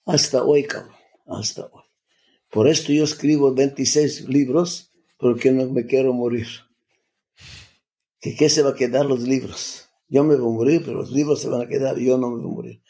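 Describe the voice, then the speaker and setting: Older man telling his story, halting. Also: medium pitch, steady tone, mellow. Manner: halting, restarts often, salty slang. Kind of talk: personal storytelling, casual.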